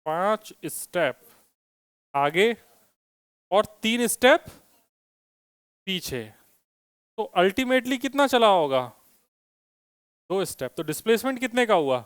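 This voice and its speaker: High-voiced man teaching physics. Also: very animated, slow pace, long pauses, clean tone, no echo, clean studio sound. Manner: asks students questions, teasing and joking. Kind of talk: classroom lecture with students. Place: classroom.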